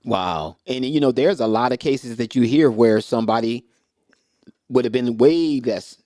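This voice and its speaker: A man's voice: mid-range voice, a little slow, dark tone, no room sound, clean studio sound. A man in casual podcast chat who reacts briefly and then explains points one by one.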